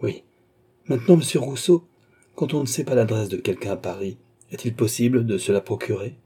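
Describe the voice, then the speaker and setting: A man's voice: medium pitch, lively intonation, fairly quick, dark tone, slightly rough. A man reading an audiobook, voicing an earnest, proud young man in rags who pleads yet stays resolute.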